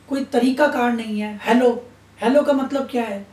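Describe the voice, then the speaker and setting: A woman's voice: on the high side, fairly even intonation, a little mellow. A woman giving an Islamic sermon in a stern, admonishing tone. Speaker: religious speaker. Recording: roomy echo, distant mic.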